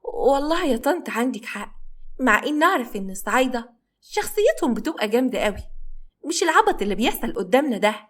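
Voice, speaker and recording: Woman doing a snippy young woman, annoyed, high pitched. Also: very animated, fast. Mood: irritated. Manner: irritated.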